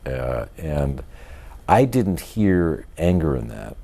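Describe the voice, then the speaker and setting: An older man reflects on his work in an interview. His voice is very deep and mellow, with a husky grain. He talks in a monotone, halting, thoughtful way, measuring out his phrases. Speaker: author and journalist being interviewed.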